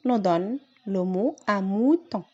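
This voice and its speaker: Slow, careful woman teacher, dull lo-fi sound. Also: mid-range voice, lively intonation, warm tone. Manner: slow and careful, stretching out key words. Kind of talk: scripted reading lesson for young children.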